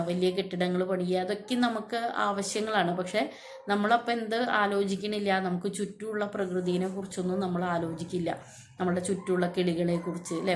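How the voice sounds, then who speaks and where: Low, even-voiced woman telling a story. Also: slight background noise. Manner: loose and unscripted, with many fillers, restarts and asides to listeners. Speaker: teacher retelling a textbook story. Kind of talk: casual spoken lesson retelling a story.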